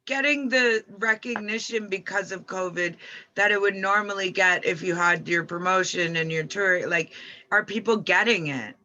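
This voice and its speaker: A man's voice: sits high, moderate pace, bright, forceful tone, dull audio. A man chatting casually on a video call, laughing often.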